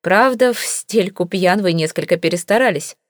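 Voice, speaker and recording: A woman doing a dry, ironic gentleman. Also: lowish voice, moderate pace, no room sound, close to an everyday voice. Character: dry, composed gentleman detective Mr Keen.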